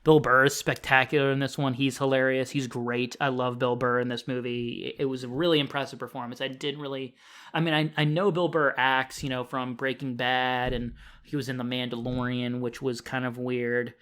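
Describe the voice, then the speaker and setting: A young man talks through a film review at a middle pitch, loose and unscripted. He rambles, leans on fillers, restarts his sentences and drops casual swears as he goes. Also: flat delivery, normal speed, a bit bright, clean tone.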